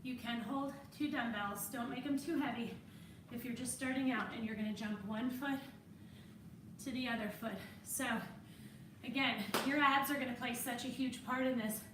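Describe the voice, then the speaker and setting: A woman's voice: fairly high pitch, steady tone, normal speed, reverberant, far from the mic, background noise. A woman fitness instructor coaching a workout while exercising alongside, encouraging and a little winded.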